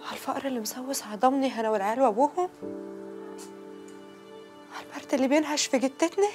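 A woman's voice: high voice, fast talker, over music, natural voice. A woman playing a despairing Egyptian village mother. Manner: anguished, lamenting. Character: poor desperate village mother lamenting to God.

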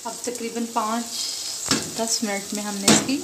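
A woman's voice: medium pitch, little pitch movement, unhurried, very noisy. A woman with a Pakistani Urdu accent giving step-by-step cooking instructions while stirring at the stove in her home kitchen. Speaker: cooking vlog host. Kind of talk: live cooking demonstration. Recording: echoey kitchen, mic far off. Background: loud frying and sizzling.

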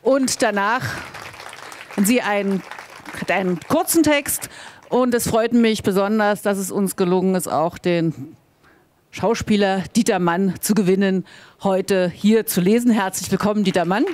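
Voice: medium pitch, a little slow, a little hiss or hum. An event host formally welcoming and introducing the next readers. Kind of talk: announcing speakers.

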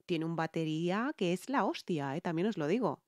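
A woman's voice: on the low side, lively intonation, moderate pace, darkish tone, no room sound, clean studio sound. A young Spanish woman with an accent from Spain, a singer chatting through a song reaction and analysing the vocals, checking in with her viewers.

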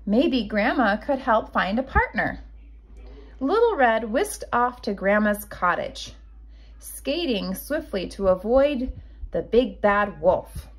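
A kindergarten teacher reading a picture book aloud to children in an expressive, sing-song storytelling manner. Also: female voice, on the high side, takes it slowly, low-quality recording.

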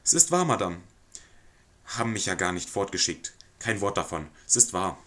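A sly male lodger, played by a man reading a play aloud talks in a wheedling, mock-humble way. His voice moves with lively pitch as he pities himself. It is a plain male voice under the act. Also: moderate pace. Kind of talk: audiobook reading of a stage play.

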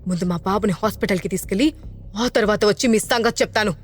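A woman's voice: medium pitch, quick pace, faint music behind, lightly acted. A woman voicing a protective young mother who speaks anxiously and confrontationally in an audio drama. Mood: angry.

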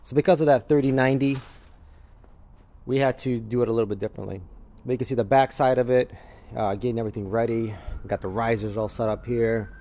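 With a dark tone, medium pitch and fairly even intonation, a crypto mining farm operator moves at a quick pace through a casual, unscripted walkthrough. He explains things matter-of-factly while filming on a handheld camera or phone in a large concrete-floored warehouse, and slight background noise is present.

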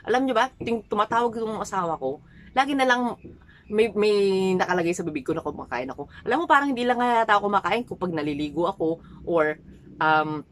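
A woman's voice: fairly quick, slight background noise. Filipina vlogger lady, chatty, keeps calling viewers guys, voice jumps up and down a lot. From Philippines. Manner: chatty, addresses viewers as guys, animated pitch swings. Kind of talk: casual vlog talk to viewers.

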